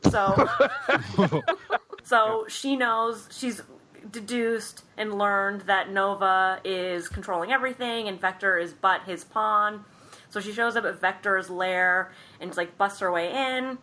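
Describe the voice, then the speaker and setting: Bright-voiced woman retelling a film plot. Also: medium pitch, slow. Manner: animated storyteller, acts out characters' lines, laughs often. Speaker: podcast co-host recapping a film. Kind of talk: casual chat.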